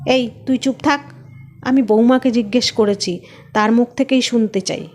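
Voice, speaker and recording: A woman giving voice to a fussy older mother-in-law in a spoken storybook. She scolds and frets, but her voice stays warm and caring. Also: on the high side, fairly even intonation, moderate pace, a little hiss or hum, lightly acted. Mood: fussing. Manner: scolding, fussing.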